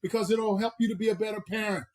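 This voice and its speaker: A Southern-accented man from the American South talks on a motivational podcast as a personal growth coach, emphatic and preacher-like, drawing out his stresses. His voice is high, with fairly even intonation and a darkish tone.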